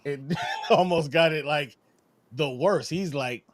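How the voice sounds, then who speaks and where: A man's voice: a little high, slow pace, no room sound. A man co-hosting a podcast in casual chat, with an American accent and a jokey, playful way of telling stories. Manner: lively, jokey storytelling with playful asides. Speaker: podcast co-host.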